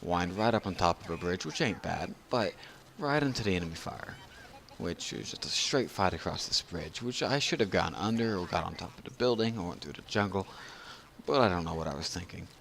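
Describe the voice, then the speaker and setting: A man's voice: low voice, animated, brisk, creaky, fairly bright tone, a little hiss or hum. A drunk man giving casual, rambling video game commentary as a tutorial narrator, losing his train of thought.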